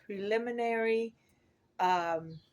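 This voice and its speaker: A middle-aged woman with a hoarse voice from talking a lot, chatting casually and ramblingly to her viewers as she corrects herself. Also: medium pitch, slow pace, darkish tone. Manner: rambling, self-correcting, chuckles at own remarks. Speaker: vlogger. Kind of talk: casual chat to camera.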